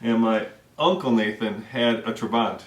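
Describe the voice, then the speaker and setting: A man's voice: lowish voice, normal speed. A middle-aged man from the Czech Republic hosting a car show, telling chatty stories with laughter while sitting on a living room floor. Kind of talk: casual storytelling chat. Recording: roomy echo, distant mic.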